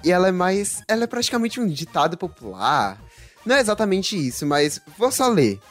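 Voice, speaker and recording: A man's voice: high voice, very animated, a little fast. A man from Salvador with a Bahian accent, hosting a casual quiz game and laughing often. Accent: Bahian Portuguese. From Salvador, Bahia, Brazil. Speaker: quiz host.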